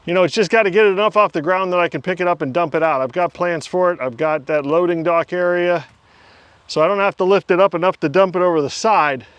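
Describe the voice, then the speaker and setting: A man's voice: high voice, fast, fairly bright tone, smooth, no echo, dull audio. A man in his fifties hosting a casual vlog, rambling and talking to himself while he works outdoors. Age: 50s. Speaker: channel host. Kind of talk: casual vlog talk to camera.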